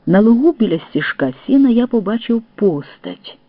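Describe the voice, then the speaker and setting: A man reading a first-person story aloud as an audiobook narrator, in a steady storytelling manner. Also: sits high, normal speed, no room sound. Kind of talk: scripted narration. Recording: tinny phone-like dry sound.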